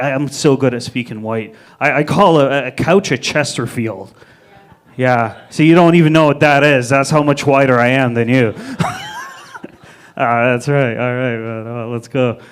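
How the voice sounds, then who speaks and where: A man's voice: a little high, a bit bright. A man from Egypt doing a brash stand-up set, swearing and hyping up a small crowd. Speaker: stand-up comic. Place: small live comedy venue.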